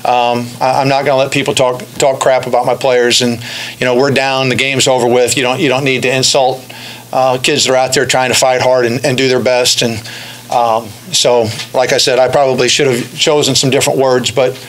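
A middle-aged man, a basketball coach, answering press questions after a game, halting with many fillers and restarts, speaking into a podium stand mic. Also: medium pitch, little pitch movement, a bit bright, poor audio. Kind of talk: post-game press conference. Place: press room in front of a backdrop.

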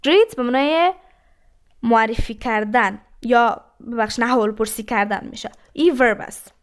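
A woman teaching an English lesson, reading English phrases slowly and then explaining each one. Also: fairly high pitch, clean tone. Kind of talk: language lesson.

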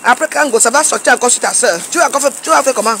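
A woman's voice: high-pitched, racing, bright, forceful tone, slight background noise. A woman in a casual vlog, scolding a rival with pointed rhetorical questions as she walks outdoors at a market. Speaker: social media commentator.

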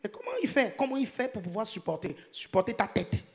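A man's voice: high voice, animated, brisk, gravelly, darkish tone. A man preaching a sermon in church, joking a lot and often asking the congregation whether they follow him. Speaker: pastor.

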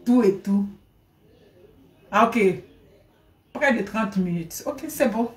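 A middle-aged woman chatting live to her viewers from a room at home, animated, often laughing, thanking people by name. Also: fairly high pitch, takes it slowly. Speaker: livestreamer. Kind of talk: casual live stream chat. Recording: echoey room.

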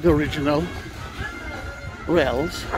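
A middle-aged Israeli man leads an unscripted walking-tour vlog on the outdoor plaza of an old train station, recorded on a phone or camera he carries as he walks. His fairly high voice holds a steady tone at a slow pace, and he speaks hesitantly with lots of fillers and restarts. Music plays in the background, and the audio quality is poor.

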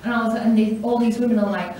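Middle-aged woman telling her story at church, lively, bit high voice, big echoey hall, mic kinda far. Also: fast talker, slight background noise. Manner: animated storytelling, acts out voices in quotes, laughs often. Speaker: church leader, women's day speaker. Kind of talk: personal testimony sermon.

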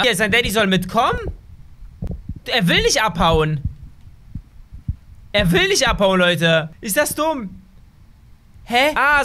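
A man giving excitable, chatty let's play commentary as a gaming YouTuber, talking straight to his viewers. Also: sits high, a little hiss or hum.

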